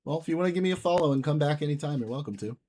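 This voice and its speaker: A young streamer races through casual chat in a fairly high, mellow voice with lively intonation. He reads viewer messages and banters loosely, swearing frequently.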